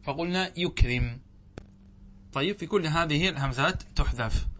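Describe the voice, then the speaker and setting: A man with a somewhat high voice gives a grammar lesson as a sheikh and works through a classical text. He puts questions to the class and then answers them. He draws out each example word slowly and repeats it. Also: fairly bright tone, a little hiss or hum.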